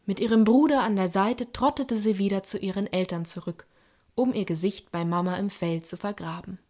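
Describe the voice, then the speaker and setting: A woman's voice: mid-range voice, normal speed. Soothing woman reading a bedtime story. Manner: calm and soothing, voices characters lightly. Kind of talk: gentle bedtime story narration.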